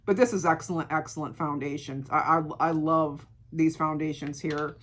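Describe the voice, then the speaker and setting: A middle-aged woman with a gravelly voice, chatting casually through a beauty product review and repeating words for emphasis. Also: low-pitched, fairly even intonation, moderate pace. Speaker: beauty vlogger.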